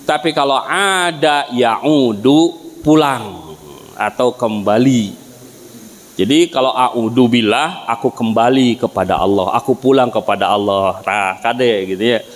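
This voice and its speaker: A man teaches Quran recitation in a mosque, chanting syllable drills slowly and explaining in quick asides. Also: medium pitch. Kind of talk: tajwid lesson with chanted drills. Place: mosque hall. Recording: reverberant mosque hall.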